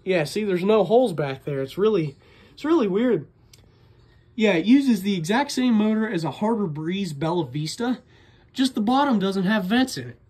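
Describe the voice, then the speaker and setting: The ceiling fan collector's fairly high voice sounds husky and darkish as he narrates his homemade hobby video at a normal speed. He is animated, chatty and unscripted, rambling keenly about his collection.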